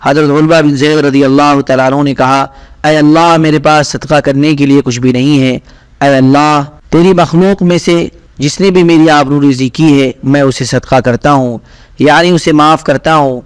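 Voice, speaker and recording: A man reading aloud scripted narration of religious stories in a steady, even manner. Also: a little high, clear, resonant tone, dry recording. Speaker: reader.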